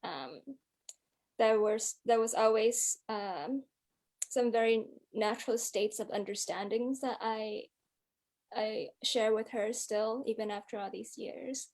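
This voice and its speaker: A woman's voice: on the high side, slow, a little mellow. A woman from Hong Kong, a guest musician in an interview, speaking reflectively and filling her talk with "um" and "like". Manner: reflective, many fillers, hedging "like" and "um".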